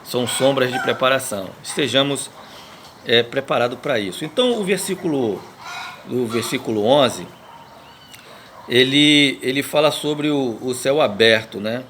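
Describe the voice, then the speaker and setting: A man with a Brazilian Portuguese accent and a medium-pitched voice, speaking as a pastor in a daily Bible reading commentary. He talks haltingly, often restarting a phrase and tagging his sentences with little questions. A faint background noise sits under his voice. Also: expressive. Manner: halting, many fillers and restarts, frequent tag questions.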